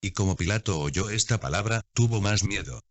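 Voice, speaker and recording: A low-pitched man reads scripture in a measured, unhurried narration. The recording is dry, with no room sound, and the sound is dull and lo-fi. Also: no echo. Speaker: Bible reader.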